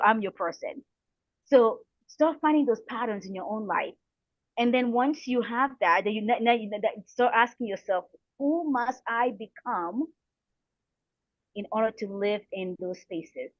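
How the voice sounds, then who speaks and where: Her voice is on the high side, her pace measured with long pauses, and the audio is dull without echo. A middle-aged coach and counselor from the Republic of the Congo, she shares motivational advice as an interview guest, earnestly encouraging and repeating phrases for emphasis.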